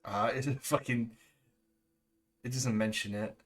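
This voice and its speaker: British guy streamer, mid-pitched, rambling and sweary, faint music behind. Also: steady tone, a little slow. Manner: rambling, self-correcting and sweary. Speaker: gaming streamer. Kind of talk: casual live-stream chat.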